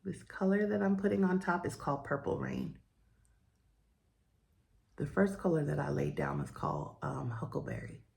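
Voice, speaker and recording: Woman, beauty vlogger, croaky morning voice, gravelly, lowish pitch, chatty and rambling. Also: huge pitch swings, moderate pace, pauses often. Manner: chatty, rambling, warm sign-offs to viewers. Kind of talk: chatty get-ready-with-me talk.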